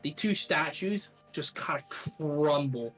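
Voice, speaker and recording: A man's voice: a little high, takes it slowly, faint music behind. Easygoing man narrating as game master. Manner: relaxed, descriptive narration with fillers.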